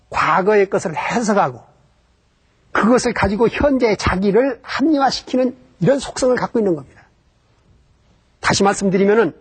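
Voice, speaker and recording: Man, history lecturer, rhetorical questions, high voice, husky tone. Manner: explanatory, poses rhetorical questions and answers them. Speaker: lecturer on Japan.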